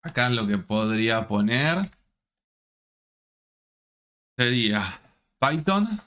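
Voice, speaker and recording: A man teaching a programming class online. He speaks slowly and deliberately, with a voice of middling pitch, and keeps checking that the students are following along. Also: sing-song, fairly bright tone. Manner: slow, checks in often with the students.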